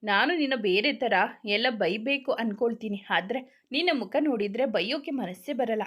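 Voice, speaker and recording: A woman's voice: fairly high pitch, moderate pace, fairly bright tone. A woman voicing a playful, affectionate young husband in a read-aloud romance story, in a teasing, doting manner.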